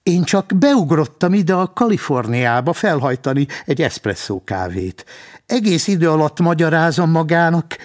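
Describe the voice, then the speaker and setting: A man's voice: fairly high pitch, sing-song, pitched above the performer's own voice. A man putting on a whiny, wheedling driver. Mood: indignant. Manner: pleading, feigning innocence. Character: whiny, wheedling man caught by a traffic cop.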